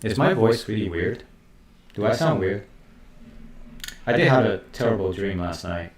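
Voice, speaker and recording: A man's voice: lowish voice, expressive, moderate pace. A man hosting a casual livestream, chatting to viewers while his mic carries a heavy doubled echo. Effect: heavy doubled room echo on the mic. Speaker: livestream host. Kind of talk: casual live chat with viewers.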